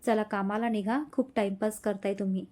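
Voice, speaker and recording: A woman's voice: medium pitch, fairly even intonation, brisk, warm tone, close to an everyday voice. A woman voicing a feisty, bossy young woman. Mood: teasing. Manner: bossy, teasing retorts. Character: feisty young woman college athlete, sharp-tongued.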